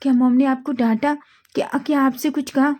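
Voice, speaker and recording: A woman's voice: high-pitched, fairly even intonation, brisk, mellow, pitched above the performer's own voice, close to an everyday voice. A woman doing an anxious flustered young man. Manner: nervous, stammering.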